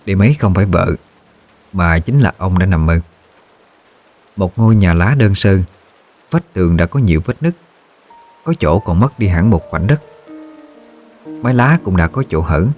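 A man narrating a horror story in a measured, somber storytelling manner. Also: low-pitched, a little mellow.

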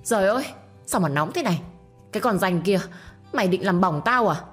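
A woman voicing a spoiled, bratty seventeen-year-old girl who scolds and whines in a sharp tone. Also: medium pitch, animated, brisk, husky, faint music behind, voice pushed up. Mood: whiny.

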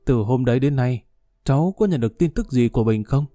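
A man playing an older male lawyer, stubborn and defiant, who speaks in a measured, fatherly way. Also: mid-range voice, expressive, dark tone, no echo, studio quality, soft background music, lightly acted. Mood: knowing.

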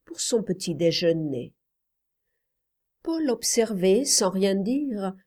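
A woman reading a story aloud as an audiobook narrator, calm and deliberate. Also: mid-range voice. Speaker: audiobook reader. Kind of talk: scripted narration.

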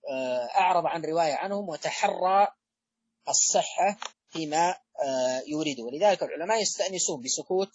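A man giving an academic religious lecture, pausing often with drawn-out fillers and restarting his phrases. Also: a little high, breathy edge, no echo, highs cut off. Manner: halting delivery with frequent drawn-out fillers and restarts. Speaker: lecturer on hadith studies.

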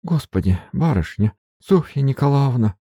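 A tearful peasant maid in her middle years, wailing in folksy, rustic speech with a high-pitched voice put on by a man with a husky, gravelly voice. Her lines come out loud and close in a dry storybook reading. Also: lively intonation, a little fast, no echo.

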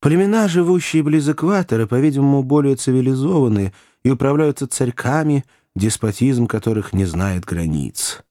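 A man reading an adventure novel aloud in an even, descriptive storytelling manner. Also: medium pitch, moderate pace, few pauses, no echo, studio quality. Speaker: audiobook narrator. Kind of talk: scripted audiobook narration.

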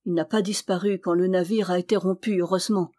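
A calm young musician from a storybook, read by a woman in her everyday voice. He answers plainly and reassuringly. His speech stays steady and unhurried. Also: lowish voice, close to an everyday voice.

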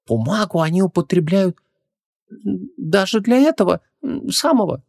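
A small, excitable male djinn servant chatters in a squeaky, eager voice pitched far above a normal man's. His lines bounce up and down and stay fussy and quick. It sounds like a storybook comic sidekick. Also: gravelly, full character voice. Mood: hushed.

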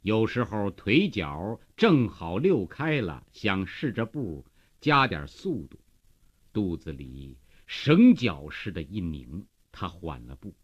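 A man, reading a novel aloud as a radio storyteller, emphatic and dramatic, moving between hushed and loud declamation. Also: deep voice, sing-song, takes it slowly, husky. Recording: slightly muffled radio broadcast.

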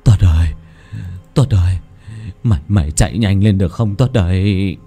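A man's voice: deep voice, moderate pace, dark tone, slightly rough, soft background music, pitched below the performer's own voice. A man voicing a terrified old rich man who stammers, pleads and cries out for help. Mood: pleading weakly.

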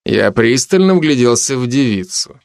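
A man narrating a first-person fantasy audiobook in a measured way, turning stern for commands. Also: medium pitch, animated, vocal fry, no room sound, studio quality.

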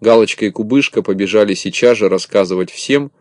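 A man reading a children's tale aloud as narrator, lively and expressive. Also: fairly low pitch, a little fast, dry recording, clean studio sound.

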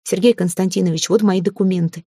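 A woman reading an audiobook, voicing a calm, polite young man who speaks in a composed, formal way. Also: lowish voice, quick pace, husky, no echo, clean studio sound.

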